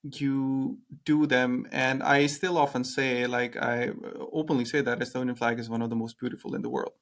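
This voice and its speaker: Young male podcast host, middling pitch, hesitant casual delivery. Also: flat delivery, normal speed. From Pakistan. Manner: hesitant, leans on "like" fillers.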